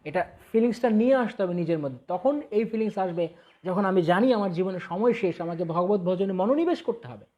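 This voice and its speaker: Man, Bengali accent, high-pitched voice, devotional Q&A talk, explains with examples, acts out inner voices. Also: expressive, a little fast, mellow, highs cut off. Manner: reads questions aloud, then explains with examples, acting out inner voices. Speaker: spiritual teacher answering viewer questions.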